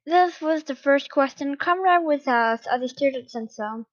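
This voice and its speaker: A woman's voice: sits high, moderate pace. Woman casually reading a fan story. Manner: casual reading with slips and restarts. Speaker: story reader. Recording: dull lo-fi recording.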